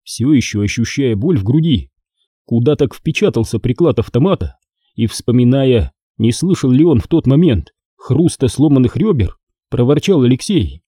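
A man narrating an audiobook in an expressive, lively storytelling manner. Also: medium pitch, moderate pace, breathy edge, no echo, clean studio sound.

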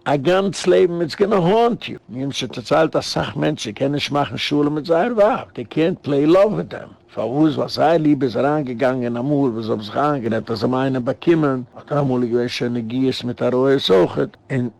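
A man, a rabbi, giving an animated lecture and telling stories with sudden rises in pitch. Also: moderate pace, creaky, few pauses, no echo.

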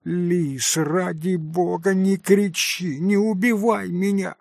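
Man doing a fussy society matron, high and gushing, breathless, slightly husky, dry close sound. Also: fairly even intonation, slow pace, a little mellow, no room sound, full character voice. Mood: flustered. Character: excitable fussy middle-aged society lady. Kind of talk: audiobook character reading.

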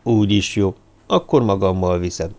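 A man voicing a brooding, secretive drifter who speaks quietly and sparingly in an audiobook. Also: deep voice. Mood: musing.

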